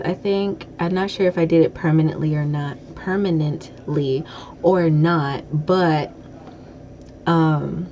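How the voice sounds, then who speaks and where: Her voice is low and mellow as she hosts a casual podcast chat, rambling and correcting herself. A broken tooth gives her a slight lisp, and the lo-fi audio sounds dull with faint noise.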